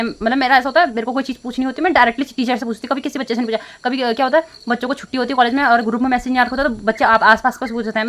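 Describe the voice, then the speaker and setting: A young woman speaks fast and somewhat high to her phone camera, upset and rambling. She restarts her sentences often and fills the gaps with hesitations. Her talk is an unscripted casual vlog. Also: a bit bright. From India. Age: young adult. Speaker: vlogger.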